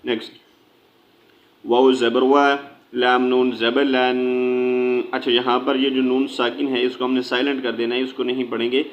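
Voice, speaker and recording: A man teaching Quran recitation, spelling out each syllable slowly and then explaining in quick asides, often checking with "theek hai". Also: mid-range voice, flat delivery, highs cut off. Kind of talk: slow spelled-out recitation lesson.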